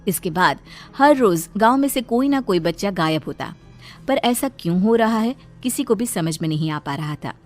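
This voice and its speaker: A woman narrating a cartoon story in a steady storytelling voice, with soft music behind. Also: medium pitch, moderate pace.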